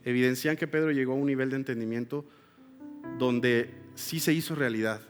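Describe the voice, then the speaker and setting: A man preaching a sermon, moving between loud appeals and hushed, confessional passages. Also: mid-range voice, steady tone, brisk, faint music behind. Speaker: pastor. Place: church hall. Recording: long hall reverb.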